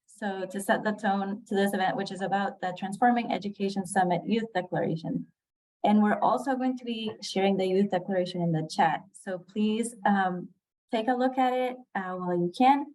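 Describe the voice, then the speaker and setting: A woman hosting an online event, friendly and unhurried, with fillers like "um". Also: medium pitch, darkish tone, poor audio. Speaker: event host. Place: Costa Rica.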